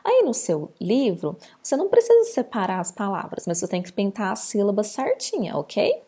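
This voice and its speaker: A woman's voice: medium pitch, huge pitch swings, normal speed, dark tone, breathy edge. A woman teacher giving a recorded lesson to children, patiently drawing out words syllable by syllable. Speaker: primary school teacher.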